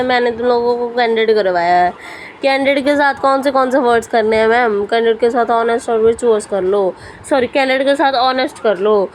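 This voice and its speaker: A woman's voice: on the high side, a little hiss or hum. A woman teacher giving a vocabulary lesson, repeating words over and over and mixing Hindi with English.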